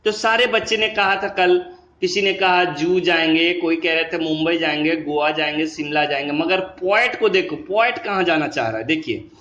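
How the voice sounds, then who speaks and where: A male teacher giving a lesson, explaining patiently and switching between Hindi and English, reading English lines slowly. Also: on the high side, sharp tone, roomy sound, dull audio. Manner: explains patiently, mixing Hindi and English, calls students "beta"; slows down and stretches words when reading English lines.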